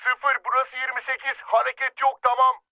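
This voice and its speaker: A man's voice: very high voice, monotone, normal speed, gravelly, no room sound. An actor playing a male soldier reporting from the field over a two-way radio, in clipped call procedure. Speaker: field unit radio operator. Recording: dull lo-fi radio sound, dry.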